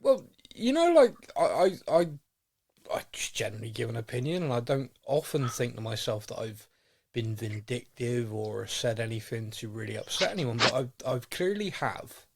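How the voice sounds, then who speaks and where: Man, British accent, podcast host, casual chat, rambling, wry, self-deprecating, medium pitch. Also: very animated, moderate pace, creaky, a little hiss or hum.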